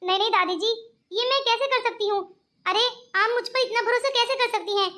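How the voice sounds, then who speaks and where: A woman's voice: very high voice, a little fast, sharp tone. A woman voicing a poor, honest young woman in a cartoon, speaking politely and earnestly. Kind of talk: cartoon voice acting.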